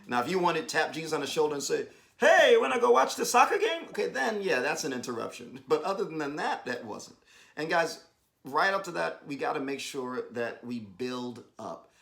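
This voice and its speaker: A man giving a devotional talk with his wife, exhorting and emphatic, rising to bursts of excitement, speaking over a video call. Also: mid-range voice, moderate pace, vocal fry. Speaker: husband co-hosting a devotional. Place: home, joining an online meeting.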